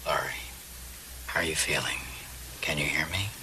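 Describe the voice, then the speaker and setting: A man's voice: mid-range voice, very animated, moderate pace, sharp tone, slight background noise, poor audio. Anxious, pleading American western father. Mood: tender worry. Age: middle-aged. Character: anxious, gentle, pleading father of a grown daughter. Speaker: actor in a TV western. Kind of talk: 1960s television western acting.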